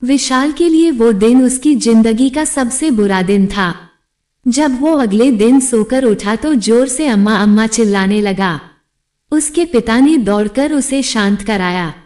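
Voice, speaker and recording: A woman storyteller reads a devotional tale in scripted narration. Her delivery is steady and plain, her voice a little high. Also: unhurried.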